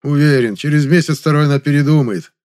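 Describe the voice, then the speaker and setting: A man's voice: a little high, lively intonation, a little fast, pitched above the performer's own voice. A man voicing a furious young commander. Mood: commanding. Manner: loud, scolding, shouting outbursts. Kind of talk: audiobook reading.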